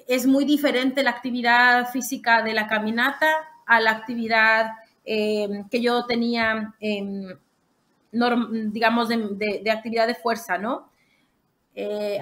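A woman's voice: on the high side, a bit bright. A young adult woman with a Mexican accent, a podcast guest explaining her long walk at length with many restarts. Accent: Mexican Spanish. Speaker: guest, long-distance walker. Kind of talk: casual podcast interview.

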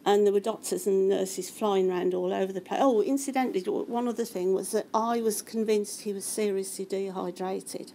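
A middle-aged woman giving testimony as a witness at a public inquiry, halting and restarting often, and raising her voice to act out what others said. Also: medium pitch, steady tone, dark tone, slight background noise. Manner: halting, with frequent restarts and fillers; acts out others' words in a raised voice.

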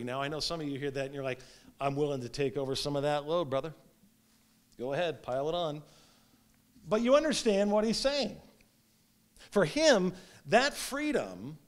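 A man in his thirties preaching a sermon as pastor, speaking with wide swings in emphasis and loudness, recorded standing in a small church sanctuary. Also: a little high. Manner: gestures while preaching standing up. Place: small church sanctuary with stone fireplace, indoors.

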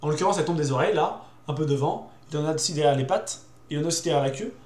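A man's voice: on the high side, very fast, a little mellow. A young man explaining in casual, hesitant talk as a show host, with many fillers, repeated words and youthful slang. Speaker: host presenting dog breeds. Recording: roomy echo.

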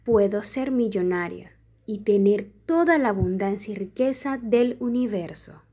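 A woman reads a prayer and money affirmations aloud, taking her time over every phrase. Her voice sits at a middle pitch and stays soft and devotional. The pace is slow and unhurried. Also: animated, slightly rough. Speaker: prayer reader.

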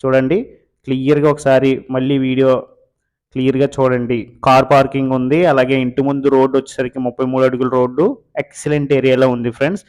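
A man's voice: medium pitch, flat delivery, fast, darkish tone, clear, resonant tone. A man hosting a real estate video, giving a casual walkthrough of a house for sale in a Telugu accent from coastal Andhra Pradesh. He repeats himself and calls viewers friends. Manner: repetitive, addresses viewers as friends. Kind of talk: casual property walkthrough narration.

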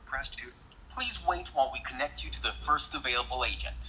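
A man's voice: medium pitch, fast, a little hiss or hum, poor audio. A man's voice on an automated phone menu, built from spliced-together recorded prompts and played back over a speakerphone. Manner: flat, clipped automated announcements.

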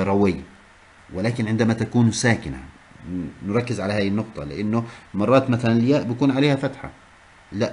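A man's voice: mid-range voice, a little mellow. A man teaching a class, explaining step by step and repeating key terms. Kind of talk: classroom lesson on Arabic prosody.

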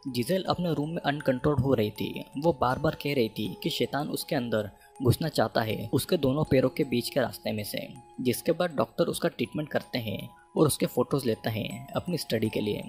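A man with a Hindi accent narrating a scripted movie plot recap in a steady, even storytelling manner. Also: medium pitch, normal speed. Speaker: movie explainer. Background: faint background music.

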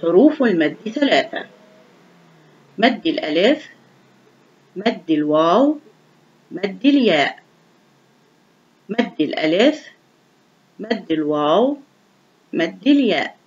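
A woman teaching young children to read in a slow, clearly enunciated, encouraging voice. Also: medium pitch, very animated. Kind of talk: online reading lesson for young children. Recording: dull lo-fi recording.

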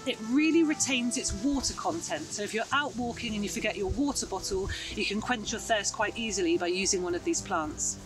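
Talking fairly quickly with hardly a pause, a foraging teacher in her thirties brightly explains wild plants outdoors in a hedgerow lane and woodland. Her voice is mid-range and captured from far away over music, with poor audio.

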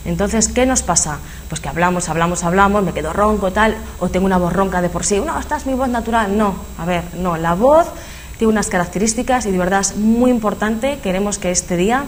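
A woman from Spain with a Spanish accent, appearing as a speech therapist guest in a local TV studio interview, explains things animatedly and uses many fillers. Her mid-range voice moves a little fast, and there's a slight hiss or hum on the audio.

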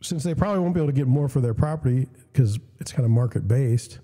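A young man hosting casual commentary with a scratchy, coughing voice. His tone is very dark and mellow, and it rings with a long reverb, as if he is recording in a hall. He gives blunt opinions and often stops to restart his sentences. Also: medium pitch, expressive, fast. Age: young adult. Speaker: host. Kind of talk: casual commentary reading news and questions.

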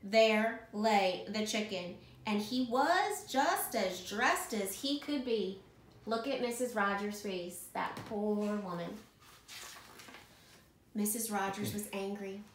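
A woman school principal reading a picture book aloud to children in a warm, expressive way. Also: medium pitch, slow, echoey room, a little hiss or hum.

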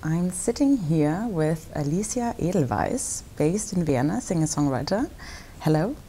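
A young woman presenting an interview, asking questions in careful, slightly halting phrasing, in a dark studio. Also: low-pitched, lively intonation, a little hiss or hum. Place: dark television studio set.

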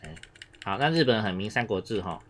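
A man's voice: on the low side, sing-song, fast talker, fairly bright tone, slight background noise. A man from Taiwan, teaching a casual Japanese lesson. He is chatty, repeats himself, uses many filler sounds and coughs now and then.

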